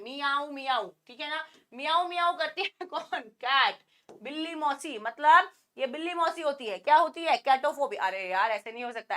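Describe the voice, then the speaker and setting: A woman teaching an online exam-prep class, teasing her students and peppering them with quick questions. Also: sits high, pushed and bright. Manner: playful and teasing, imitates animal sounds; asks the class many rhetorical questions.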